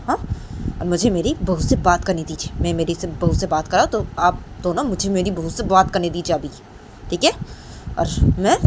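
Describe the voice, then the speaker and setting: A woman voicing a middle-aged father who firmly orders his family to be quiet. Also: on the low side, noisy background, lightly acted. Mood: stern. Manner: firm, commanding, repeats "theek hai". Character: stern middle-aged father defending daughter-in-law.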